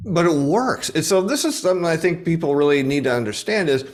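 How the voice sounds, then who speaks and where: A man's voice: fairly high pitch, lively intonation, brisk. A man speaking as a guest on a casual financial podcast, easygoing and rambling, with frequent restarts.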